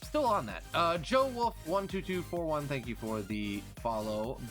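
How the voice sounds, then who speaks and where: A man's voice: fairly high pitch, expressive, unhurried, fairly bright tone, soft background music. A man streaming live, chatting casually and reading out thanks to followers.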